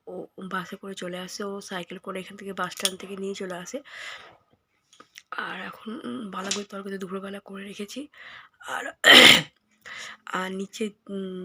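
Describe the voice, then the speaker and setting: A woman in her thirties with a hoarse voice from a cold, softly narrating her day at home in a casual vlog. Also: medium pitch, no echo. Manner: soft and unhurried, with many fillers. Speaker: vlogger. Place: home, indoors.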